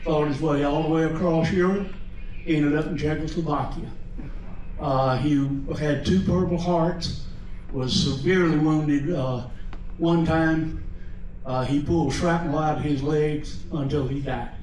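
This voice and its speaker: Roomy distant recording, older man past seventy, fairly high voice, halting matter-of-fact recollection. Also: fairly even intonation, a little mellow. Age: 70s or older. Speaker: retired army veteran, audience member. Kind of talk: plain personal recollection. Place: large indoor venue. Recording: echoey room, distant, faint noise.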